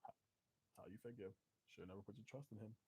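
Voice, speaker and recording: A man's voice: lowish voice, fast, warm tone, slight background noise. A man giving a casual tarot reading in a loose, joking way, swearing and laughing often. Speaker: tarot reader.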